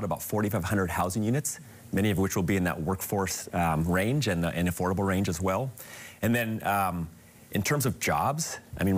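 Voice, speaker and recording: A middle-aged man, a stadium manager, explaining a project briskly in a TV studio interview. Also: on the low side, slightly rough. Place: TV news studio.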